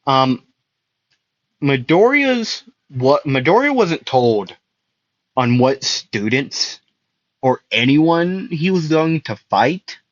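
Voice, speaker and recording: A man's voice: fairly high pitch, big pitch swings, slow, no echo. A young man improvising a fan-fiction story, rambling with many fillers and self-corrections. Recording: dull lo-fi dry recording.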